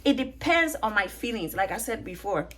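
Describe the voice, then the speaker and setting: At a moderate pace and with big pitch swings, a woman speaks in a medium, slightly bright voice. She's a vlogger in her thirties at home detangling her hair, chatting and joking on camera in an accent combining Ghanaian, Italian, British and American traits, often laughing and questioning viewers.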